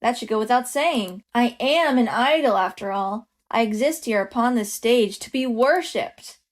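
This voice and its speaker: A woman's voice: fairly high pitch, lively intonation, moderate pace, lightly acted. A woman voicing a smug, grandiose female idol who is secretly an eldritch god. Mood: haughty.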